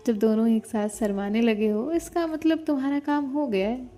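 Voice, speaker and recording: A woman's voice: on the high side, normal speed, warm tone, soft background music, lightly acted. A woman voicing a bossy, nosy sister-in-law who interrogates and scolds with affection, in an audio love story. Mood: scolding. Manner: interrogating, mock-stern, scolding.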